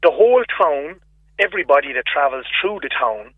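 An exasperated Irish man rants down a tinny phone line, his voice husky and dry with no room around it. He talks at a middling pitch and keeps circling back over his own words as he complains. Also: animated, a little fast, no echo. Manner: exasperated ranting, repeats himself. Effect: heard over a phone line. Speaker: radio phone-in caller. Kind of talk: casual call-in complaint.

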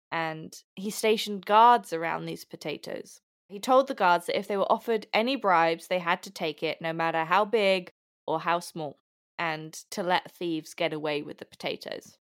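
A woman talking casually on a podcast, giggling as she explains what she has read. Her pitch sits in an ordinary middle range, and she stumbles and restarts now and then. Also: a bit bright. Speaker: podcast co-host presenting research.

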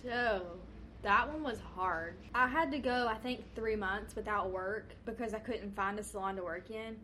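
A woman's voice: medium pitch, moderate pace, bright, forceful tone, a little hiss or hum. A young adult woman, a hairstylist and podcast co-host, telling her story candidly in casual chat and swearing now and then. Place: United States.

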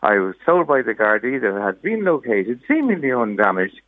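A man's voice: mid-range voice, sing-song, a little fast, no room sound. An Irish man in his sixties telling a casual anecdote in a chatty, folksy way as a radio guest. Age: 60s. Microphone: phone call. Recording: narrow-band phone line on radio.

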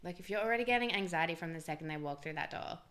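A woman co-hosting a casual chat podcast, playful with quick jokes and bursts of laughter. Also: lowish voice, a bit bright. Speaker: podcast co-host.

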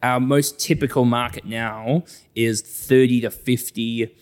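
His voice is smooth and medium in pitch, with a steady tone and a measured pace. He's a New Zealand-accented financial adviser in a conversational interview, often impersonating made-up clients to illustrate what he means.

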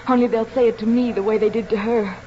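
A woman's voice: on the high side, fairly even intonation, quick pace, mellow, lightly acted. An actress playing a neurotic, scheming young woman in a 1940s radio drama, pleading and then coldly possessive. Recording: dull old radio broadcast, faint hiss.

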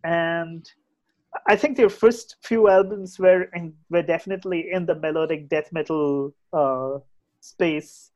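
A man's voice: on the high side, unhurried, darkish tone. A man with an Indian English accent chatting casually and giving opinions as a podcast guest, often repeating and restarting his phrases.

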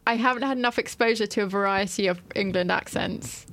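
A young woman with a mid-range voice and a slightly foreign accent in her English. She speaks casually, like a panelist in a relaxed group chat. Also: medium pitch, fairly quick. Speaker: show panelist.

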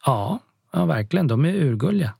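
A man voicing a shy, easily embarrassed young woman, timid and hesitant, with a husky, dry sound. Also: on the high side, big pitch swings, warm tone, no room sound, pitched above the performer's own voice, exaggerated voice.

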